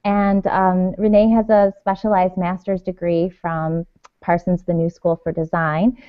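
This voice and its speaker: Woman host, dry close sound, halting intro full of ums, lo-fi audio. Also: lowish voice, little pitch movement, dry recording. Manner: hesitant, lots of ums while introducing. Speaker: show host. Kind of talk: podcast interview.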